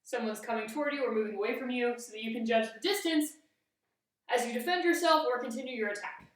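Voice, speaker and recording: A woman with a fairly high voice instructs a fencing exercise step by step. She is recorded at some distance from the microphone, and the room echoes heavily around her words. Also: fast talker. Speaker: fencing coach. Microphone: camera at a distance.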